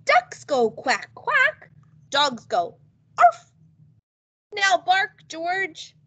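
A woman's voice: extremely high pitch, wildly swooping pitch, extremely slow, fairly bright tone, pitched above the performer's own voice, heavily acted. A woman reading the lines of a patient, firm mother dog in a storybook read-aloud. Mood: patiently firm.

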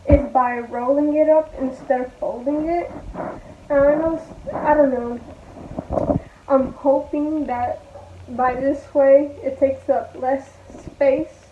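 Chatty high-voiced woman in echoey bedroom. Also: a little hiss or hum. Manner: chatty, thinking aloud while packing clothes. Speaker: vlogger. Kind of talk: casual packing vlog. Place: small bedroom indoors. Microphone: phone camera set low on the floor. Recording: echoey room, tinny phone-like sound.

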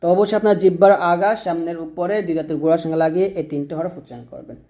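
Male recitation teacher, patient drill style, slightly high, mellow tone. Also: fairly even intonation, rapid-fire. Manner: patient, repetitive drilling with call-and-repeat prompts. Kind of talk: instructional lesson on Arabic letter pronunciation.

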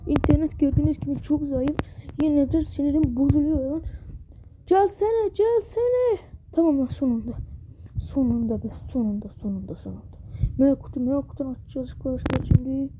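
A woman giving casual, impatient gameplay commentary, exasperated and repeating words over and over. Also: sits high. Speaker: mobile gaming channel host. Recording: dull lo-fi sound with steady background noise.

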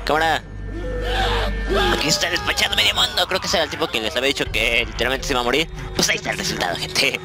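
A man with a Mexican accent giving excitable, chatty gameplay commentary, often laughing and exclaiming. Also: mid-range voice, fast, vocal fry. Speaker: gaming YouTuber. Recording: game music over the voice.

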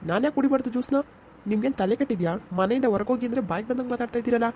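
A woman playing a short-tempered young husband in an amateur village skit, scolding in rapid outbursts. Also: a little high, warm tone, slight background noise, lightly acted. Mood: angry.

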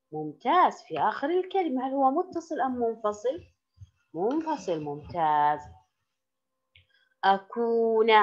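A woman schoolteacher leads a slow, careful reading lesson for small children, repeating each word so they can follow. Her voice sits fairly high and moves a lot as she stresses the words. The recording is a bit muffled. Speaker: primary school teacher. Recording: slightly dull lo-fi recording.

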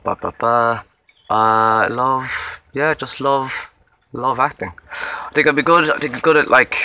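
A man's voice: fairly low pitch, pushed and bright, muffled recording. A young man with a Limerick Irish accent, recording a casual self-introduction audition outdoors in a wood, rambling and self-deprecating with many fillers and restarts. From Limerick, Ireland. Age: young adult. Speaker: acting auditionee.

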